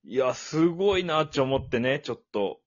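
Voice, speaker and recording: つっこみ役の西日本なまりの男性. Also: male voice, medium pitch, animated. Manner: quick comebacks, loud laughing retorts. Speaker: podcast co-host. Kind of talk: casual joking chat. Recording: slightly dull home recording.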